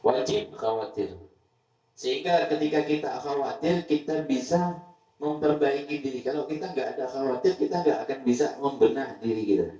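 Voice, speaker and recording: A man preaching a sermon to a study gathering, emphatic and repetitive, at times swelling into loud pleading. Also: medium pitch, normal speed. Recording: roomy, distant, dull live-stream sound.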